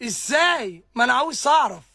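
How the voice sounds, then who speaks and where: A man's voice: extremely high pitch, animated, fast talker, gravelly, sharp tone, no echo, clean studio sound. A distraught young man with an Egyptian accent, ranting live to viewers, stammering and repeating himself as he answers their comments. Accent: Egyptian Arabic. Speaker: livestreamer.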